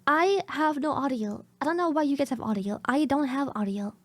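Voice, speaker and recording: A woman's voice: high voice, fairly quick, no echo. A young woman streaming a casual reaction, talking bluntly and chattily in her groggy morning voice.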